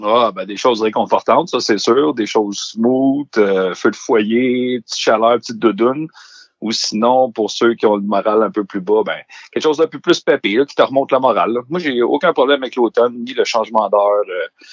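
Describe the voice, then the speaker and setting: A man with a Québécois French accent speaking as a radio columnist over a phone line, relaxed and quick to laugh. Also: mid-range voice, no echo. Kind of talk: casual radio chat. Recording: slightly muffled phone line.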